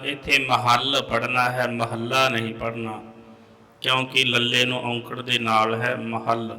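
A man teaching Sikh scripture recitation line by line, chanting each verse slowly and breaking in with quick spoken pronunciation notes, recorded in a gurdwara hall. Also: medium pitch, little pitch movement, pushed and bright.

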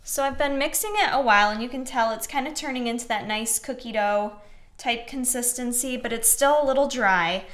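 Mixing and cutting in her home kitchen, a young woman chats with viewers and encourages them on her casual cooking show. She speaks a little fast in a fairly high, slightly bright voice.

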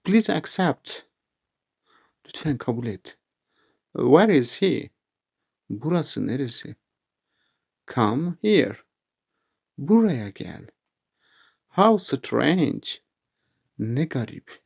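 A man teaching a language lesson, saying English phrases slowly and clearly and then giving their meanings. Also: mid-range voice, big pitch swings, a little mellow.

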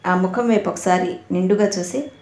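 A woman narrating an audio novel in a measured, even storytelling manner. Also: fairly low pitch. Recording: roomy echo.

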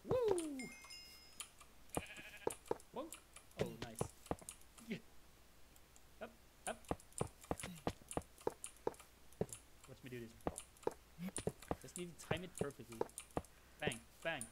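A woman with a low voice gives casual gameplay commentary at an unhurried pace, though her pitch swings widely as she cheers and groans at herself. She sounds excitable and self-mocking. Loud background noise sits under her voice, with keyboard and mouse clicks. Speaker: gameplay streamer.

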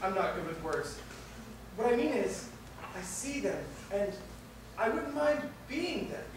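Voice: medium pitch, sing-song, measured pace. An actor plays an awkward nurse who rambles nervously while confessing love. The voice comes from far away in a very echoey theatre, with faint room noise behind. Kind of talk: stage play acting. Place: theatre stage.

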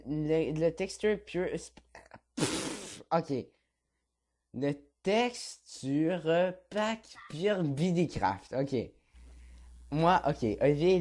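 A man's voice: fairly high pitch, darkish tone. A young man with a Quebec French accent casually reads a chat log aloud as a gaming vlogger, mumbling and swearing offhand.

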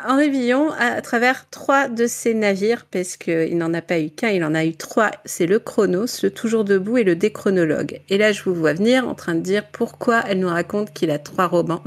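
A woman talking casually in a book club, presenting a novel with many fillers and frequent laughter. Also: medium pitch.

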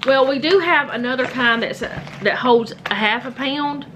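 A woman's voice: high-pitched, moderate pace, fairly bright tone, slight background noise, rough recording. A woman, chatting casually at home as she films with a handheld phone and shows household items, rambling and correcting herself as she goes. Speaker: home vlogger. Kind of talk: casual show-and-tell vlog. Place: home, indoors.

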